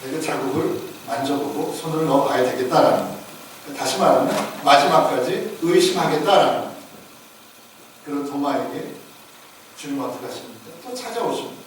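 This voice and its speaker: Guy preaching in a big echoey church, kinda high voice, mic pretty far off. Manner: asks the congregation questions and acts out disciples' voices. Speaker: pastor. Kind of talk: sermon. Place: church sanctuary. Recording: echoey church recording from far off, faint noise.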